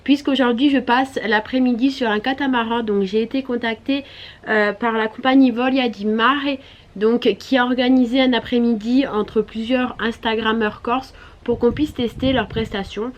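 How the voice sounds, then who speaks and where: A woman chatting casually in a vlog, her voice hoarse, congested and duck-like from swollen tonsils, speaking in a chatty, hesitant way. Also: a little high, fairly even intonation, moderate pace, dull audio. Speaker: vlogger. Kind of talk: casual vlog chat to camera.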